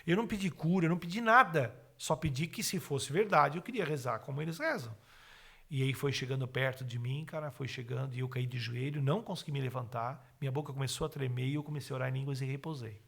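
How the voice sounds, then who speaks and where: A man's voice: mid-range voice, fast talker, gravelly, breathy edge. A middle-aged man, telling his personal testimony as a podcast guest and acting out the words of the people in it. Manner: animated, acts out his own and others' words.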